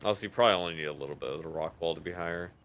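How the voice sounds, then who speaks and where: A young man chatting with a friend during a video game, explaining his thoughts in an animated, loose way with plenty of fillers. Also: low voice, rapid-fire, gravelly. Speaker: co-player. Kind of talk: casual gameplay chat.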